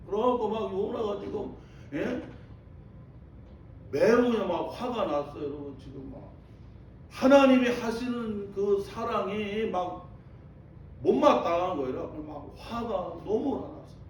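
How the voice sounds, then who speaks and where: A man's voice: high voice, lively intonation, measured pace, pauses often, slight background noise. A male pastor preaching a sermon. He keeps calling out to the congregation and repeats his phrases for emphasis. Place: church sanctuary. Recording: echoey church from a distant mic.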